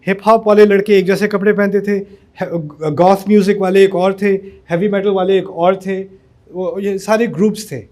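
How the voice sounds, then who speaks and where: A man from Pakistan speaks to a university audience in a loose, storytelling way. His voice sits fairly high for a man. He slips English words into the flow as he talks. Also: little pitch movement, a little mellow. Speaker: speaker addressing university students. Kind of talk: motivational talk.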